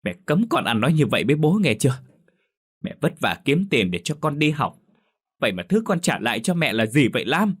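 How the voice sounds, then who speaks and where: A man's voice: on the low side, fast, slightly rough. A man voicing a poor, long-suffering mother who scolds and pleads in anguish.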